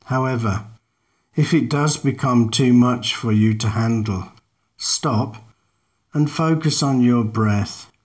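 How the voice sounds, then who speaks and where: A man narrating a guided meditation in a calm, measured, unhurried manner, leaving long pauses between instructions. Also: mid-range voice.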